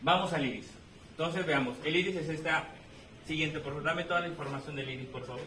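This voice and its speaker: A man with a Peruvian Spanish accent giving an animated physiology lecture, playfully teasing his students with questions. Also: a little high, a little fast, a little hiss or hum. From Peru. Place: lecture room. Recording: echoey room, voice from a distance.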